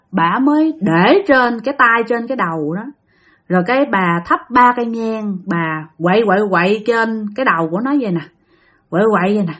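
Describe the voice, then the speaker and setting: A woman's voice: medium pitch, a bit bright. A woman with a Southern Vietnamese accent telling a ghost story, chatting directly to her listeners. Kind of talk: spoken ghost-story narration.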